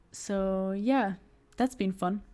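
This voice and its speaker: Streaming as she draws, this young artist has a mid-range, slightly mellow voice. She chats casually and meanders, often laughing, stumbling into restarts and leaning on fillers.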